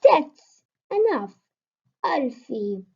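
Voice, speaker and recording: A woman's voice: a little high, lively intonation, takes it slowly, darkish tone, husky, full character voice. Weary mother bear, firm and scolding, as a woman reads her; storybook, dull lo-fi sound. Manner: tired, scolding.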